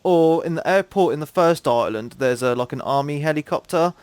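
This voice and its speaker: A man's voice: a little high, fairly quick, darkish tone, smooth, no room sound. A man from Cambridge with a southern English accent, hosting a gaming podcast in laid-back, slangy casual chat. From Cambridge, England.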